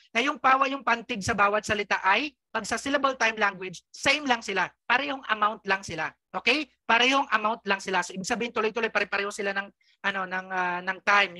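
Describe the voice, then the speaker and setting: A woman with a Filipino accent teaches an online exam review class on a close mic with no room sound. Her medium-pitched voice has a sharp tone, and she explains loosely with many fillers, often checking whether the class is following.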